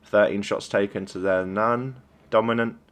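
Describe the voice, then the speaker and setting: A man's voice: fairly low pitch, fairly even intonation, moderate pace. A young man coaching a team while reviewing a game replay, encouraging and conversational. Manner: encouraging, conversational, praises plays. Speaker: esports coach.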